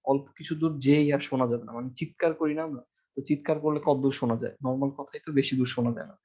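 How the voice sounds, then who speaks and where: Rapid-fire and dark in tone, this lecturer's mid-range voice keeps fairly even intonation, and the sound quality is lo-fi. He teaches a university class over a microphone and amplifier, laying out explanations step by step, asking students questions, and using frequent fillers.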